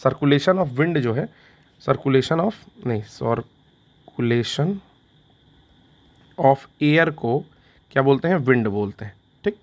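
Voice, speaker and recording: Man drilling exam facts, repetitive. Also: a little high. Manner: repetitive, quizzing himself with questions and answers; fillers like "theek hai" after each point. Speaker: exam coaching teacher. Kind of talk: Hindi exam revision lesson.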